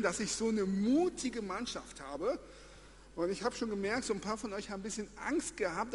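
A man telling a lively story to children, acting out the scenes and getting them to join in. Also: high voice, husky. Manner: animated, acts out scenes and gets the audience to join in. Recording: long reverb of a large hall.

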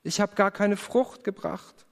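Man, preacher, high voice, earnest confessional testimony, long hall reverb. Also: creaky, a bit bright. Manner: earnest, confessional storytelling with prayerful pauses. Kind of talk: personal testimony in a sermon.

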